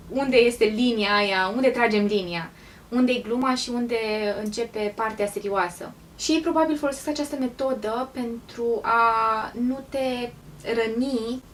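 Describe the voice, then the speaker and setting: A chatty woman from Romania tells stories to her viewers in a relaxed vlog, often pausing on an um. Her voice sits a touch higher than most and comes from a little way off the mic. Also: distant mic, a little hiss or hum. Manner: chatty, pauses with frequent ums. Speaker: vlogger. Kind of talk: casual vlog storytelling.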